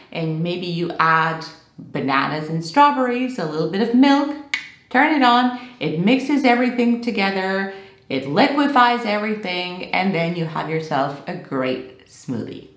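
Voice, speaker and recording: Lively woman teaching, slow and expressive. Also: medium pitch, roomy sound. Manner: animated, gestures a lot while explaining. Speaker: English teacher. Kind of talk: video lesson explaining vocabulary. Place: small room with bookshelves, indoors.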